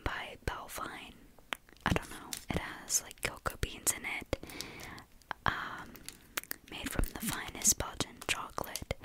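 Whispering young woman tasting snacks. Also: poor audio. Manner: soft whisper with eating sounds; chatty, says like and you know often.

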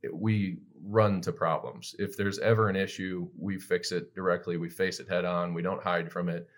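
Man with a very deep voice, plain-spoken and earnest, casual chat. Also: fairly even intonation, normal speed. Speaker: guest business owner.

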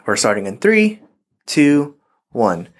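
A young man hosts a podcast in a relaxed, easygoing manner. His talk is loose and slangy, and his voice sits at a middle pitch. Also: slow pace. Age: young adult. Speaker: podcast host. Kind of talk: casual podcast chat while eating.

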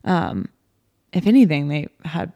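A young woman co-hosting a podcast rambles through a story in casual, chatty conversation. Her low, creaky, dark-toned voice is unhurried with lively intonation, captured as clean studio sound with no room sound.

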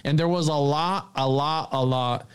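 A man from Puerto Rico co-hosting a podcast, telling stories in an animated, slangy way. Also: fairly high pitch, moderate pace, smooth. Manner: animated storyteller, slangy, says bro and dude. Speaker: podcast co-host. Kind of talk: casual podcast chat.

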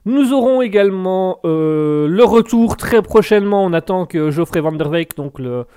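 A man's voice: high-pitched, lively intonation, moderate pace, mellow, smooth. A man hosting a live stream, reading out viewer messages in a jokey, rambling way with many restarts.

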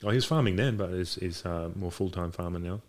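A man's voice: low voice, fast. A man in a casual chat as a guest, talking in a hesitant, rambling way. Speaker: podcast guest, boxing coach. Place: home garage.

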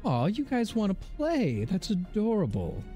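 A man's voice: high-pitched, huge pitch swings, unhurried, warm tone, voice pushed up, full character voice. A man voicing a small, maniacal female assassin, playful and taunting, with an impish, mockingly sweet manner, in a tabletop game. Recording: background music under the voice.

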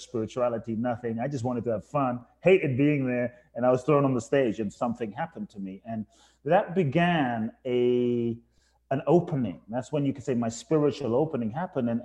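A man from Ghana speaks as a podcast guest. His voice sounds warm and mellow, and he talks earnestly and reflectively, sometimes restarting a phrase. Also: medium pitch. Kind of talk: casual storytelling interview.

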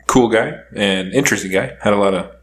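A man from Idaho hosting a podcast, easygoing and quick to laugh as he asks questions. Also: fairly low pitch, a bit bright. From Idaho, USA. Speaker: podcast host. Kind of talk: casual interview. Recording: echoey room.

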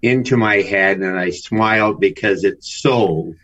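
A man's voice: fairly low pitch, measured pace, fairly bright tone. An older man from Canada, a guest author, talking reflectively as a storyteller with fillers in an interview. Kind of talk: interview conversation. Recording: dull lo-fi remote audio.

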